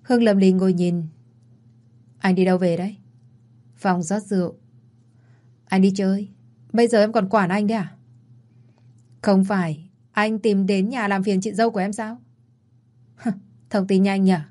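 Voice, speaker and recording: Mellow-voiced woman reading a romance story. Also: medium pitch, fairly even intonation, normal speed, long pauses. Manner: reads all characters in one voice. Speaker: narrator.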